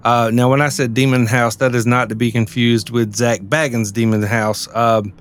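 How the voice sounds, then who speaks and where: A man's voice: mid-range voice, level tone, moderate pace, clean tone. A man with a Southern American accent, co-hosting a podcast and thinking aloud hesitantly. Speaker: podcast co-host. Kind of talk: casual chat.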